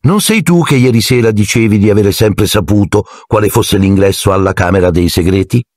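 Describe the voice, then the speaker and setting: Woman herb teacher, voiced by a man, higher than his own, dry read. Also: a little fast, darkish tone, no echo, natural voice. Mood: pointed. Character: plump kindly woman herbology teacher.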